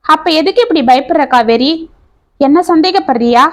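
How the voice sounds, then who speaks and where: Woman doing earnest young man, devoted and determined, high voice. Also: lively intonation, normal speed.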